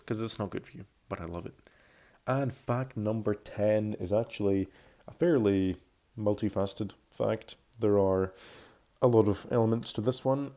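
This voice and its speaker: This early-20s YouTuber, with roots in Belgium, Scotland and France, talks casually about himself in a rambling way, frequently rephrasing or fixing what he just said. He has a lowish, dark voice with vocal fry.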